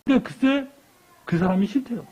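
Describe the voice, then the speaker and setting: A man preaching a sermon in a church, telling a story with lively questions to the congregation. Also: extremely high pitch, brisk. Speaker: lay preacher. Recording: dull lo-fi church recording.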